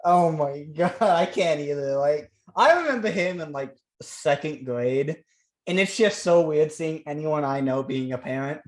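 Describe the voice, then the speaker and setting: Slightly high-voiced young guy on a podcast, dry teasing humor. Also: unhurried. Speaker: podcast co-host. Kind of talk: casual chat.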